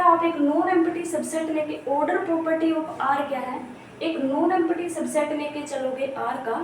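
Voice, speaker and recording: A woman teacher explains a math lesson step by step, repeating key terms and asking questions she answers herself. Her voice sits high and her delivery is slow and measured. She sounds set back from the mic in a very echoey room with faint background noise. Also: darkish tone, distant mic. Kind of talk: exam-prep lecture on real analysis.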